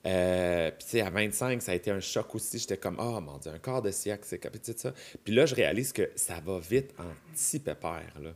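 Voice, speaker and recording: A man in his thirties, a drag performer appearing as a podcast guest, talks casually in a Québécois French accent. His deep voice has lively intonation, and he speaks briskly with few pauses, explaining his ideas through examples and asides.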